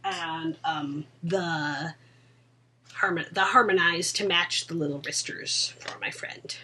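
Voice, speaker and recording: A woman co-hosting a casual podcast chat, laughing often and dropping into soft asides. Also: on the low side, slow, distant mic, slight background noise. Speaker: podcast co-host. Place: indoor room at home.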